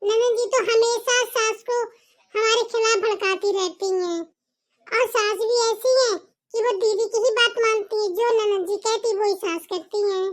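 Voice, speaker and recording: A woman's voice: extremely high pitch, fairly even intonation, moderate pace. A woman as a meek, put-upon young daughter-in-law. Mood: complaining. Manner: pleading, complaining softly. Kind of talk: home-made family drama.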